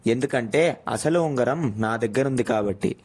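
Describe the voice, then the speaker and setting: Guy doing a calm firm young husband, audio story. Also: mid-range voice, normal speed, husky, lightly acted.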